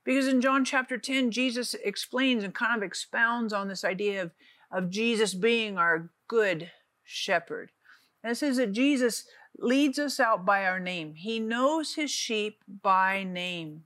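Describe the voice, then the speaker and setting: A woman's voice: mid-range voice, fairly bright tone, no room sound. Earnest woman preaching, dry studio sound. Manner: earnest, slows down on key phrases, repeats for emphasis. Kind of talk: encouraging televangelist teaching.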